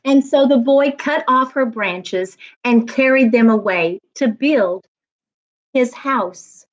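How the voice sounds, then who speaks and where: Woman doing read-aloud storytime, really slow n expressive, higher voice, bit of a dull recording. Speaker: reading coach, storytime reader.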